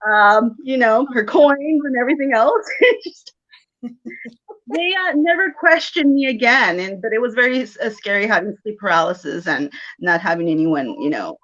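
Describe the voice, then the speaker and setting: A woman's voice: fairly high pitch, lively intonation, normal speed, a bit bright, lo-fi sound. A woman in her thirties from South Texas, a psychic medium chatting as a guest in an interview, laughing often. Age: 30s. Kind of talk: casual interview chat.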